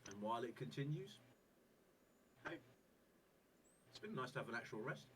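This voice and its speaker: A man's voice: medium pitch, lively intonation, moderate pace, a bit bright. A man narrating as game master of a tabletop game in a playful, often laughing way. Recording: distant mic with faint background noise.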